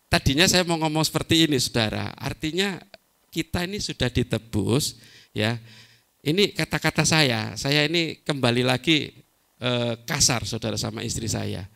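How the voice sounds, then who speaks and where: A man's voice: mid-range voice, normal speed, gravelly, pushed and bright. A middle-aged man preaching a sermon as pastor, telling folksy stories and laughing at himself. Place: church.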